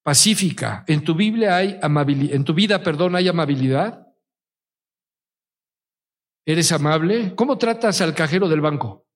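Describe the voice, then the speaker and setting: High-voiced Mexican pastor preaching. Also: male voice, animated, moderate pace, pauses often. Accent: Mexican Spanish. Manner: conversational preaching with anecdotes and rhetorical questions. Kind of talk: sermon.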